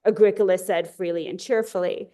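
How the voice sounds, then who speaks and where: A woman's voice: fairly low pitch, steady tone, a little fast, warm tone. A woman lecturer giving an academic talk with enthusiasm, often correcting herself mid-sentence. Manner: enthusiastic, with frequent self-corrections.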